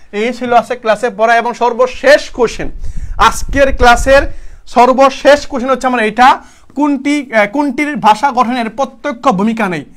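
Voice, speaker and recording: A young man leads an online live class for university admission. His voice sits very high for a man, and he keeps quizzing students with short repeated questions before giving the answers himself. He closes points with encouragement to keep trying. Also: a bit bright. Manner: encouraging, motivational. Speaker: university admission coaching teacher.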